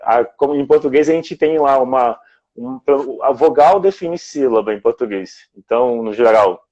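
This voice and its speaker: A man's voice: medium pitch, normal speed, a little mellow, muffled recording. A man from Brazil in casual conversation as a guest, explaining things step by step in a reflective way.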